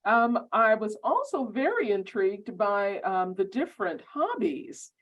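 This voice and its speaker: A woman giving welcoming remarks at an online orientation on a video call, halting with many ums and repeated words. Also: medium pitch, big pitch swings. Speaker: law school program administrator. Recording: muffled video-call audio.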